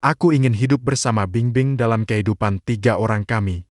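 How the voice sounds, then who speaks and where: A man's voice: medium pitch, fairly even intonation, brisk, no room sound, clean studio sound, lightly acted. Man reading as a dying woman pleading.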